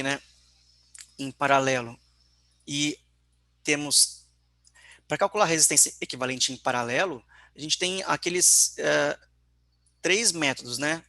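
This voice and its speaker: A man's voice: a little high, sharp tone, no echo. A man teaching an online physics class, working through calculations step by step and often checking in with his students.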